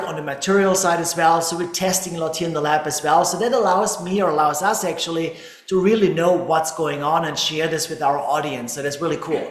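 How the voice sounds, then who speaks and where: Male webinar host, slightly higher voice, chatty presenter with lots of "right?", echoey room. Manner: chatty, many tag questions and restarts. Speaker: webinar host, dental lab co-owner. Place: dental laboratory.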